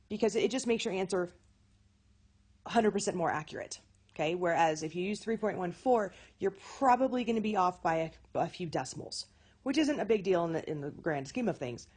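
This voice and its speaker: A woman teaching a recorded math lesson. She talks in a chatty way, often corrects herself and checks in with "okay?". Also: mid-range voice.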